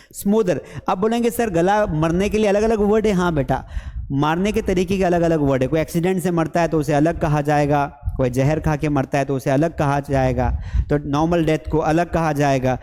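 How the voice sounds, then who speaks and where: A man's voice: fairly high pitch, a little mellow. A man teaching English vocabulary for exam prep, asking the class questions and repeating each answer. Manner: repeats each word with quiz questions to students. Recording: long hall-like reverb.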